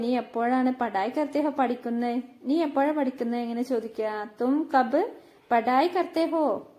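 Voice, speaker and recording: Lady teaching hindi phrases, high voice, slow and patient, says each one twice. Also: darkish tone. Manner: repeats each phrase, slows down for the Hindi words. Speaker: language teacher. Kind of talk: spoken Hindi lesson explained in Malayalam.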